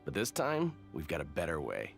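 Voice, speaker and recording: A man voicing a gruff male soldier in a video game, blunt and commanding. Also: extremely low pitch, wildly swooping pitch, brisk, music in the background, heavily acted.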